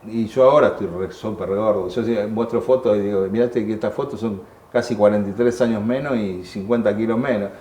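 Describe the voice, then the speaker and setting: A man in his sixties with an Argentine Spanish accent gives halting personal testimony as a war veteran interviewee, often repeating words and imitating the voices of those he quotes. His voice is fairly low and a little mellow, recorded in an echoey museum room with a faint hum behind it.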